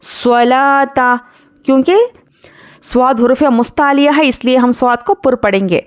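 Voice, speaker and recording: A woman teaches Quran recitation in a patient, step-by-step way, breaking off to recite each phrase slowly and drawn out. Her voice sits fairly high and sounds smooth and clear. The recording is dull and lo-fi. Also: darkish tone. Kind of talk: tajweed lesson, explaining rules word by word.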